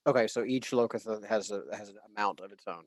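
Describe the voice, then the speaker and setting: A man's voice: on the low side, fast talker, no echo, studio quality. A man playing a tabletop role-playing game, chatting casually and thinking aloud with some hesitation.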